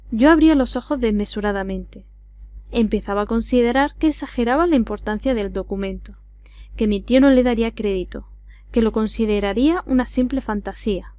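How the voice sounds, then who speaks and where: A woman's voice: a little high, dark tone, no echo. A woman with an Andalusian accent reading a classic adventure novel aloud as scripted narration. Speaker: audiobook reader.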